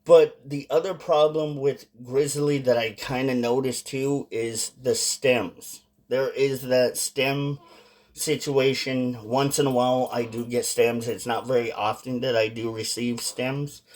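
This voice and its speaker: A man giving a casual, informal vlog-style review in a halting way, stressing words for emphasis. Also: medium pitch, fairly even intonation, darkish tone. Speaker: product reviewer.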